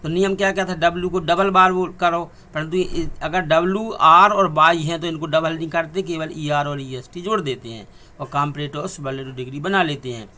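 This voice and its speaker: High, bright-voiced male teacher. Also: fairly quick. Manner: methodical, spells words out letter by letter and repeats examples in sets. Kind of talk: classroom-style video lesson.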